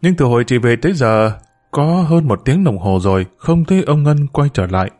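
Man reading a serialized story, calm. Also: medium pitch, normal speed, soft background music. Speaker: storyteller, channel host.

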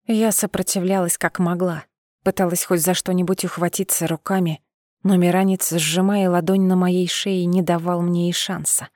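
A woman's voice: fairly low pitch, level tone, normal speed, darkish tone, no room sound, clean studio sound. Woman narrating a first-person audiobook.

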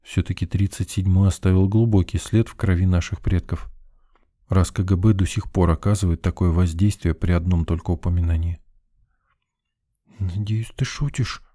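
Dark-voiced male audiobook narrator. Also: low-pitched, no echo, clean studio sound. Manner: even, measured storytelling. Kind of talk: scripted first-person narration.

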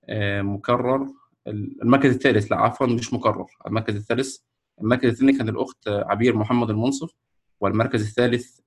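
A man with an Egyptian Arabic accent announces the winners of a Quran memorization course on a video call, speaking slowly and hesitantly, with many fillers and restarts. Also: on the low side. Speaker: ceremony host announcing winners. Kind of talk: ceremony announcement. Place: online video call presenting a screen.

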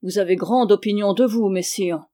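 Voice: mid-range voice, moderate pace, dark tone, close to an everyday voice. A reader voicing a scheming medieval French king in an audiobook, protesting and wheedling, then turning curt. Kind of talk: audiobook character reading.

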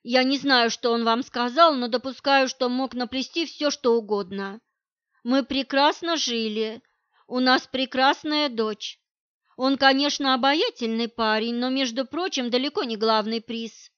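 A woman's voice: high voice, measured pace, a bit bright, smooth, dry recording, muffled recording. A woman reading an audiobook voices a cold, scornful middle-aged wife who talks down to her rival in curt, dismissive lines. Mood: cutting.

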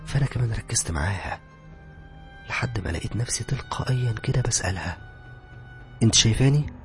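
An Egyptian man tells a horror story at a quick pace, his voice sitting fairly low. He keeps the telling tense, sometimes sinking to a whisper, with soft music playing faintly behind him. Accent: Egyptian Arabic. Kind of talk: scripted first-person horror narration.

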